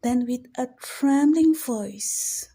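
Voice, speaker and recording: A woman telling an emotional story in scripted narration, soft, solemn and often half-whispered. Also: high voice, takes it slowly, husky.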